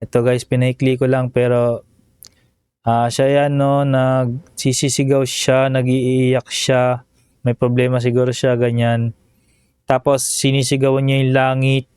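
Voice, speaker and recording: Smooth, flat-voiced man chatting over a video. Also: medium pitch, unhurried, long pauses, no room sound, clean studio sound. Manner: chatty, emotional, keeps tagging phrases with a questioning "no?". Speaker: vlogger. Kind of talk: casual reaction commentary.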